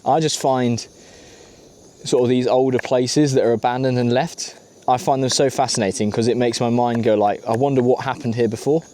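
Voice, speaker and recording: A man's voice: mid-range voice, fairly even intonation, normal speed, warm tone. British man vlogging casually, faint background noise. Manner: jokey, matey. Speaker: camping vlogger. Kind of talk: casual vlog chat while cooking outdoors. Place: outdoors at a campsite.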